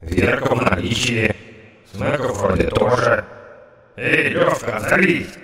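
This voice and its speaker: A man's voice: mid-range voice, animated, measured pace, reverberant, big-room sound, a crowd in the background. A man voicing a crude, foul-mouthed fellow with a nasal, bleating, goat-like voice in an audiobook. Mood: coarse mocking. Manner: coarse, mocking. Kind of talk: audiobook character voice.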